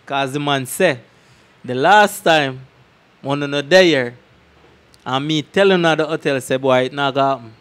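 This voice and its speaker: Pausing often at a measured pace, a man with a mid-range, slightly bright voice and a Jamaican accent recounts anecdotes about touring as a dancer. As an interview guest he talks casually and emphatically in patois into a handheld mic, checking that the listener follows. The recording has clear background noise and ambience.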